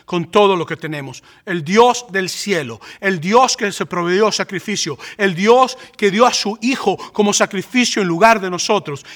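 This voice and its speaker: High, bright-voiced impassioned preacher. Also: male voice. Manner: impassioned, rising to emphatic peaks. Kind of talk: sermon.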